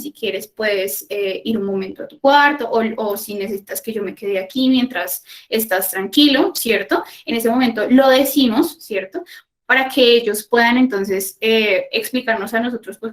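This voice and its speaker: A woman with a fairly high voice leads a parenting workshop. She explains patiently and keeps tossing in quick check-in questions to the parents. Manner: explanatory, often adds tag questions. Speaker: school parenting workshop speaker. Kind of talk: educational talk to parents.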